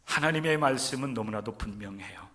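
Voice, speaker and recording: Pastor preaching with fervent swells and hushes. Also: male voice, lowish voice, expressive, a little fast. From Chungcheong region, Korea. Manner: swings between loud emphatic stresses and soft near-whispers; addresses the congregation directly and often. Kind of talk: sermon. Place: church sanctuary during a service.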